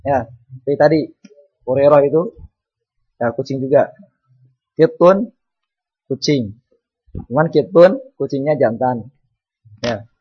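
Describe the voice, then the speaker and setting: A man's voice: medium pitch, takes it slowly, long pauses, slightly rough, muffled recording. A man teaching an Arabic class, calling on students to read and patiently repeating words and their meanings.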